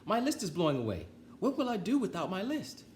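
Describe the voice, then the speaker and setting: A fretful, stubborn toad from a children's storybook, acted out by a man. The voice is pushed up high and swings widely, with an exclamatory, wailing way of talking. There is clear background noise. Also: huge pitch swings, a little fast. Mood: panicked. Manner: exclamatory, wailing when upset.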